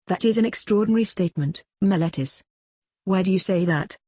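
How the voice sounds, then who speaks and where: A reader voicing an aged philosopher on trial, cross-examining his accuser in a measured, questioning way in a dramatic reading. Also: mid-range voice, darkish tone, no echo, clean studio sound, close to an everyday voice. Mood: probing. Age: older. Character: aged male philosopher on trial, probing, ironic. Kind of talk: dramatic reading of a classical dialogue.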